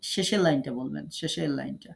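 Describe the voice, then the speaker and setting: Gravelly-voiced man teaching recitation. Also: on the high side. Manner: patient, coaxing, repeats syllables slowly. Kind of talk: online class, calling on students to read.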